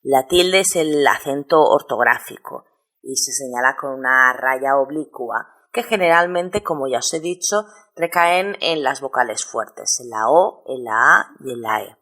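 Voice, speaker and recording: A woman's voice: very deep voice, lively intonation, fairly bright tone. A woman, teaching a recorded lesson and explaining step by step. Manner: patient, explains step by step and spells out syllables slowly. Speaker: Spanish teacher. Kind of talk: recorded lesson on spelling rules.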